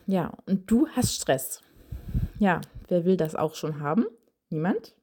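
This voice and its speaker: A woman's voice: lowish voice, lively intonation, a little slow, warm tone, husky. A woman giving casual parenting advice in a direct, conversational way, speaking straight to the listener with frequent fillers.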